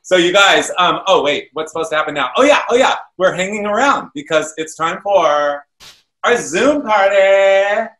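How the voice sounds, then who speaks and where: A man in his fifties hosts with upbeat, exclamatory showmanship. His voice sits fairly high for a man. The sound is roomy, like a video call from a room at home. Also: a little slow, pushed and bright. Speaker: awards show host. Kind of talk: upbeat hosting, toast to camera.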